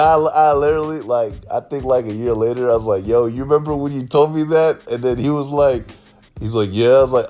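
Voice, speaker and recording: A man's voice: mid-range voice, a little mellow. Young man rambling through a funny story. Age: young adult. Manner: rambling, repeats himself, slangy, bursts of laughter. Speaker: podcast host. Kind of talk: casual storytelling monologue.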